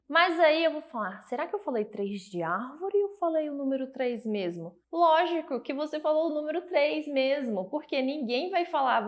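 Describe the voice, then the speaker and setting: Woman, young adult, Brazilian Portuguese accent, casual teaching, chatty, fairly high voice. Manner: chatty, explains with lots of examples and filler "né". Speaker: English teacher. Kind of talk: casual online lesson.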